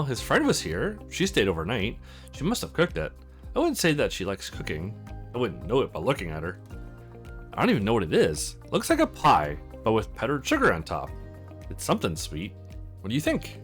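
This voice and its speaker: Hosting a let's play, a man with a mid-range, slightly bright voice reads visual novel dialogue aloud. He acts out the characters' lines with exclamations and throws in casual commentary.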